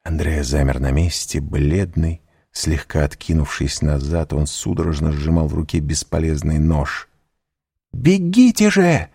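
Deep-voiced man reading a novel aloud. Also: level tone, normal speed, creaky, warm tone, husky, no room sound, clean studio sound. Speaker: audiobook narrator. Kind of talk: scripted narration.

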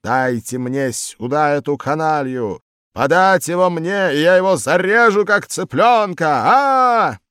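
A tyrant headmaster, shrill roaring fury, dry booth sound. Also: male voice, lively intonation, unhurried, a bit bright, smooth, no echo. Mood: raging. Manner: roaring, stamping, screaming threats. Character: raging bellowing male school headmaster.

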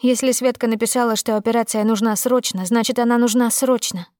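A woman tells a first-person story as an audiobook reader, steady and emotive. Her voice sits fairly high. It is recorded close on a studio mic with a dry sound. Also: a little fast, no room sound. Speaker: audiobook narrator.

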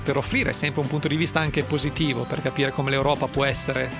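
A man hosting a radio program, interviewing guests in a lively, conversational way with an Italian accent. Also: mid-range voice, a little fast, music in the background. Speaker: radio host.

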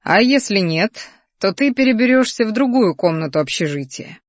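A woman's voice: lowish voice, expressive, moderate pace, no echo, studio quality. Woman doing a smug drawling male magister. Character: mocking smug male magic teacher.

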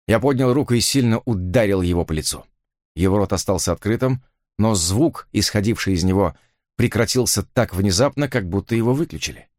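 Lively male thriller narrator, dry sound. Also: fairly low pitch, a little fast, dry recording. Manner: dramatic first-person reading. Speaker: audiobook narrator.

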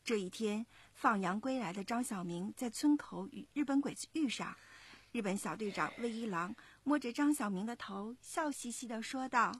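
A woman in her thirties, a mother, narrating a children's story in an expressive, measured way. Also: on the high side, husky. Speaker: parent storyteller.

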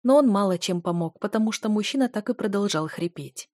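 A woman narrating a first-person fantasy audiobook in a steady storytelling manner. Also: medium pitch, a little fast, dry recording, studio quality.

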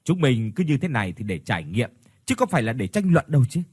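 An eager young man rallying his friends, persuasive and keen, as a male storyteller voices him. His husky voice moves around a lot, recorded dry and close. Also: medium pitch, very animated, fast, darkish tone, dry recording.

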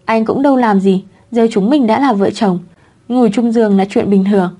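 A woman's voice: a little high, moderate pace, mellow, close to an everyday voice. Woman reading as a playful clingy young husband. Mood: teasing.

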